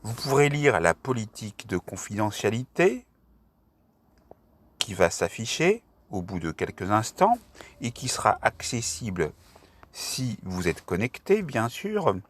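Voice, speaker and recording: A man's voice: on the low side, big pitch swings, measured pace. A man presenting an app, narrating a step-by-step screen tutorial.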